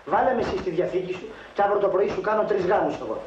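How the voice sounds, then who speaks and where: A man's voice: high voice, expressive, background noise. An actor playing a broke, wisecracking young man who dreams of getting rich, talking in glib jokes. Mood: wheedling. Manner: joking, glib, mock-Italian banter. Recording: dull, roomy 1960s film sound.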